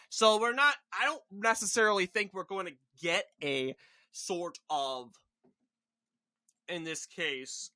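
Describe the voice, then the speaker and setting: A young man with a very bright, forceful voice, pitched a little high, works as an informal election night analyst. He talks through results in a halting, rambling commentary and often corrects himself mid-sentence. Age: young adult, about 20. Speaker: channel host giving election results analysis.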